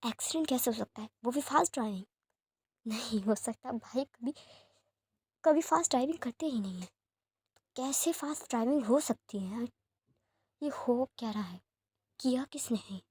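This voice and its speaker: A woman doing a calm, steady young man. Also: on the high side, normal speed, long pauses, slightly rough, dry recording. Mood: troubled.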